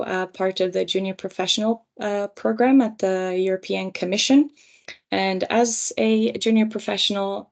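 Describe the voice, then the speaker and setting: A young woman raised in Romania and Finland, giving a measured career panel talk with frequent ums and uhs. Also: medium pitch, vocal fry, darkish tone.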